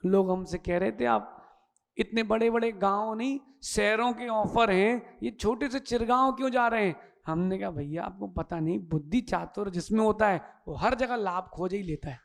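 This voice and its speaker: A man with a high voice delivers a sermon in a hall that rings with long reverb. He tells folksy stories in a lively way, acting out each character as he goes. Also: normal speed, creaky. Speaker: Jain monk giving a discourse. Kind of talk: sermon with storytelling.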